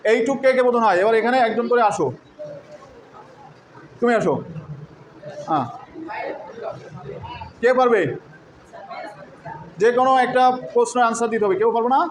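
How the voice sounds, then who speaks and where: A man teaches a grammar lesson in a classroom. He keeps firing short questions at the students and has them repeat the answers back. His voice sits very high, and the recording rings with room echo over a faint hum of ambience. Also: normal speed, long pauses, a faint crowd. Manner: drills students with call-and-response questions. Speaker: English teacher.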